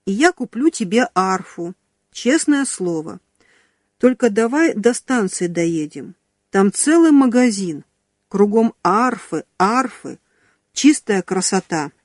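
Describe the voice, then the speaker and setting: A man coaxes gently, promising whatever it takes to calm things down, as a woman narrator puts him on. The delivery is soft and soothing. The recording is dry and close. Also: mid-range voice, slow, dry recording. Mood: coaxing. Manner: soothing, coaxing.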